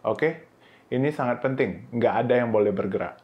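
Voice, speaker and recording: With the highs cut off in the audio, a man walks viewers through Mandarin pronunciation in a relaxed teaching style. Peppering his talk with "oke" and "nah," he voices syllables in drawn-out, high-pitched bursts.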